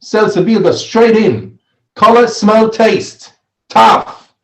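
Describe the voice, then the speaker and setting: The Swiss Islamic studies teacher here speaks slowly, his high voice slightly bright and lively in intonation. He poses questions, repeats his phrases and keeps asking "right?" during a religious lesson recorded in an echoey, roomy space.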